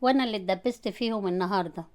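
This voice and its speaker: A tired Egyptian father who grumbles in a low, quiet voice, voiced by a woman reading a story. He sounds worn down and keeps talking fast. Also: close to an everyday voice. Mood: weary grumbling. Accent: Egyptian Arabic. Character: weary father stuck home with sick kids.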